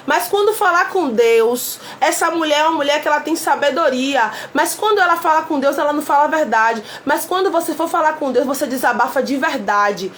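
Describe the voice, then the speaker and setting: A woman with a very high, bright-sounding voice preaches in a relaxed, conversational way, repeating her key points for emphasis. She slips into the voices of quoted characters as she retells a Bible story. A faint hum of ambience sits behind her. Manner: voices short quoted lines within her telling. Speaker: preacher and clinical psychoanalyst.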